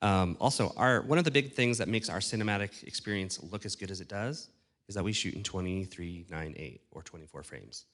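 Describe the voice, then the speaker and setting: A man's voice: deep voice, fairly quick, fairly bright tone. A man speaking on stage at a conference about church production, talking casually to a live audience, checking in with questions and poking fun at himself, his voice a little worn. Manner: conversational, asks the audience questions, self-deprecating. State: losing his voice.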